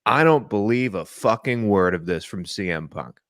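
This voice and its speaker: A man's voice: lowish voice, lively intonation, moderate pace, a bit bright, no room sound, clean studio sound. A man co-hosting a casual wrestling podcast, ranting bluntly and sarcastically with swearing. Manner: blunt, sarcastic, profane rants. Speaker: podcast co-host.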